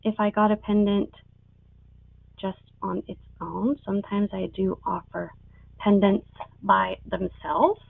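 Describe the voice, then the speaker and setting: A woman's voice: mid-range voice, flat delivery, takes it slowly, vocal fry, dry recording. A woman working as an auctioneer on a live online sale, presenting items and calling bids. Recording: tinny phone-like sound.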